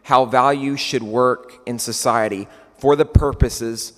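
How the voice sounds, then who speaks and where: A man with a West Texas accent delivers a prepared presentation as a conference speaker. His phrasing is deliberate and emphatic, with key words repeated, at a medium pitch. The sound is that of a large hall, with a long reverberant tail on the voice. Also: fairly even intonation, a bit bright. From West Texas, United States.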